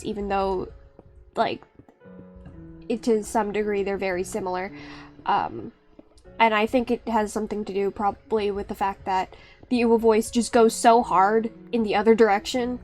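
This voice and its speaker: A young woman streamer with a high-pitched voice chats casually on a live stream. She rambles, restarts her sentences, and often breaks into laughter.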